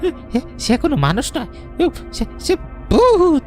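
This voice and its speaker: A man plays a frantic cartoon villager, stammering and pleading for his life. His high voice swings widely in pitch. Music plays clearly behind it. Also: big pitch swings, fast talker, darkish tone. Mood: terrified pleading. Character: panicky, pleading male villager hunted by a ghost. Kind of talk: cartoon ghost story acting. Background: prominent background music.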